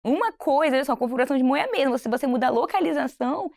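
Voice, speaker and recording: A woman's voice: high-pitched, racing, no room sound. A woman co-presenting on a church program, speaking expressively and acting out examples. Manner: expressive, enthusiastic, acts out examples. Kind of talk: casual panel chat.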